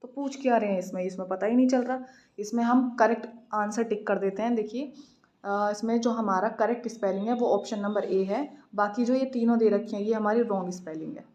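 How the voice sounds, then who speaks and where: Woman, exam coach, mid-pitched, slow deliberate question reading. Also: darkish tone. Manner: reads questions slowly, explains in Hindi-English mix. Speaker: English exam teacher. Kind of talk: exam practice lesson.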